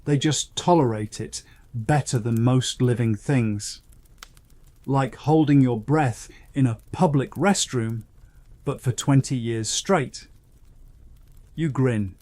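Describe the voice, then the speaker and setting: Slow, soothing male sleep-story narrator. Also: medium pitch, no echo. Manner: gentle, soothing, second-person guiding. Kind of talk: scripted bedtime science narration.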